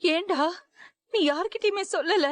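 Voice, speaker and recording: A woman's voice: extremely high pitch, unhurried. An actress in a TV serial playing a worried middle-aged mother and wife who pleads and reproaches through tears. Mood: reproachful. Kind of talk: Tamil TV serial acting.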